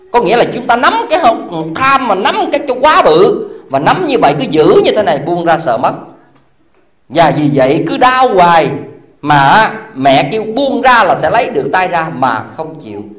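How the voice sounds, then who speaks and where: A man's voice: high-pitched, a bit bright. A man, a Buddhist monk, giving a dharma talk and asking his audience rhetorical questions. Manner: chuckles as he talks.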